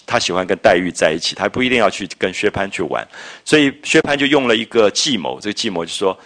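A man lecturing on a classic novel, retelling scenes and explaining old phrases in a chatty, lively way. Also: lowish voice, fast. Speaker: literature lecturer. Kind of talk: storytelling literature lecture.

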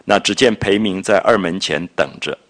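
A man lecturing on a classic novel, retelling scenes and explaining old phrases in a chatty, lively way. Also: low voice, moderate pace. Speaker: literature lecturer. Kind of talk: storytelling literature lecture.

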